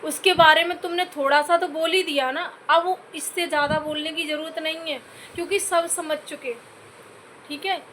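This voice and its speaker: High-voiced scolding woman vlogger. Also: fairly even intonation, moderate pace, bright, forceful tone, a little hiss or hum. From Uttar Pradesh, India. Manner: scolding, repeatedly addressing listeners as "bhai"; earnest, pleading for comments. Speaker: YouTube vlogger. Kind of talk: direct-to-camera commentary rant.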